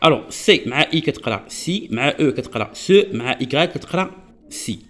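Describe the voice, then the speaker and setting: A man's voice: medium pitch, animated, a bit bright. Patient Moroccan man teaching a lesson. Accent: Moroccan Arabic. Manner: patient, repetitive, checks understanding often; spells out and slowly repeats example words. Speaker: French teacher. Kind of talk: classroom-style lesson explanation.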